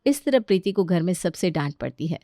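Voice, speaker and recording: A woman narrating a cartoon family story in a plain, even way. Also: on the low side, a little fast, dry recording, studio quality.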